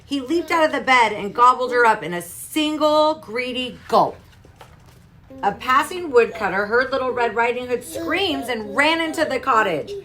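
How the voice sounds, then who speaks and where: A woman reading a children's storybook aloud in a clear, lively way. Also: a little high, normal speed. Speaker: storybook reader.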